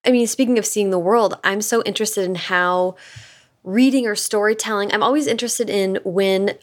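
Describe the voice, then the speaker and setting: A woman's voice: mid-range voice, moderate pace, no echo, studio quality. A young woman hosting a podcast, reading sponsor notes and chatting with a guest in a bubbly, enthusiastic way. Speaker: podcast host. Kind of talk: podcast host read and interview.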